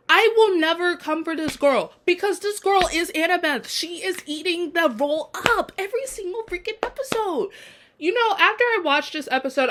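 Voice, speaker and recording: Young woman rambling excitedly about a show, lots of like and y'all, slightly high voice. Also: slight background noise. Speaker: TV episode reviewer. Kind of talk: casual chat.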